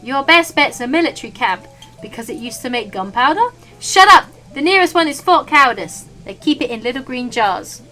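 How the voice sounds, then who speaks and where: Girl doing a bossy game chef, short temper, loud high bright voice, music behind. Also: a little fast. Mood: bossy, irritated. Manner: brusque, commanding. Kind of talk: character voice in a game read-aloud.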